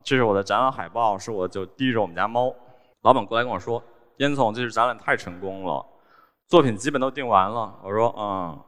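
Deadpan man telling stories in a reverberant hall. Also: lowish voice, brisk. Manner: wry, deadpan storytelling with small laughs. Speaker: cartoonist giving a stage talk. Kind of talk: storytelling talk on stage. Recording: long hall reverb from stage.

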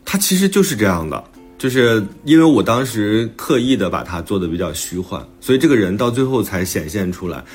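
A man with a lowish, sing-song voice talks a little fast, with a slight roughness. He's an author and podcast host casually discussing his own book, reflecting on his thinking as music plays in the background.

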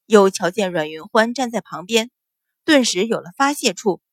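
A woman reading a period novel aloud as a storyteller, giving the quoted characters a raised, forceful voice. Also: medium pitch, expressive, normal speed, dry recording. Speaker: audiobook narrator.

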